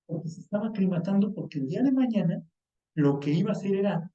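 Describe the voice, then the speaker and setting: A Mexican man with a high, dark, mellow voice delivers a lively, colloquial sermon and slips into the voices of the people he quotes. He sounds distant in a roomy, echoing hall, and the recording is dull and lo-fi. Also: quick pace. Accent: Mexican Spanish. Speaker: preacher.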